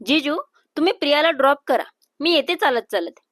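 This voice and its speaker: A chatty young college girl who speaks her mind, as a woman narrator puts her on, in a high voice. She talks frankly and quickly, with a dry, close sound. It comes across as a storybook friend with little change from the narrator. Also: lively intonation, a bit bright, no room sound.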